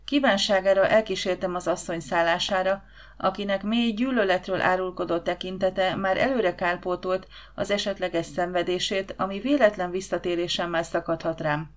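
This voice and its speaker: A woman narrating an adventure audiobook with steady, dramatic storytelling. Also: lowish voice.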